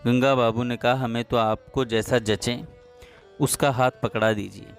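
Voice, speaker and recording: A man narrating a devotional story in a calm, measured reading voice. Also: mid-range voice, soft background music.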